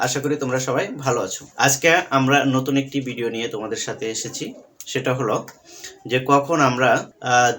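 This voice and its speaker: A man's voice: medium pitch, a bit bright, slight background noise. A young man teaching an online English grammar lesson, patiently repeating key points and quizzing his students.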